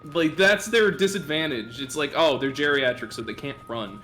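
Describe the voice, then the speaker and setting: A man streaming a game, chatting casually with friends, animated and swearing often as he mimics characters. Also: on the high side, normal speed, soft background music. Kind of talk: casual gaming chat.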